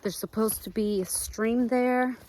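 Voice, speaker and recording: A woman's voice: fairly high pitch, fairly even intonation, measured pace, darkish tone. A woman hiker chatting to her camera outdoors on a trail, thinking aloud and sometimes out of breath. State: out of breath while hiking uphill. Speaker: long-distance hiker. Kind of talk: casual trail vlog. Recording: noisy outdoor recording.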